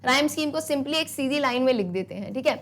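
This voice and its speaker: A woman's voice: high-pitched, lively intonation, fairly bright tone. A woman teacher, encouraging her students with rhetorical questions and mixing English phrases into the lesson. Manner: mixes English into talk; reads poem lines slowly and deliberately. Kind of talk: online class lesson.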